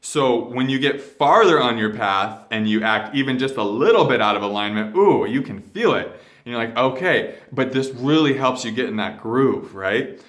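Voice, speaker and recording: A man giving a reflective spiritual vlog monologue, speaking earnestly and haltingly, often repeating phrases as he goes. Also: mid-range voice, expressive, fairly bright tone. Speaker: spiritual video coach. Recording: roomy echo.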